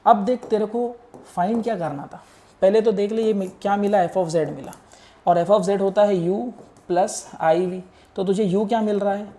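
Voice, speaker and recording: In an exam-prep lecture on engineering math, a young man talks through every step aloud as he writes, coaxing his students along in a casual way. He's a math tutor whose warm, high-sitting voice moves at a moderate pace.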